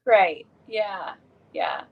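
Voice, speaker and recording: A young woman guest chatting casually on a podcast, giggling often and pausing with hesitant fillers. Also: medium pitch, huge pitch swings, phone-quality sound. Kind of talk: casual chat.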